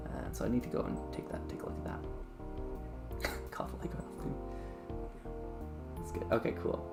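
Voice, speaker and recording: A man's voice: moderate pace, loud music behind the voice. A man casually chatting on a live stream as a YouTube creator, rambling, restarting sentences and laughing as he reads the chat.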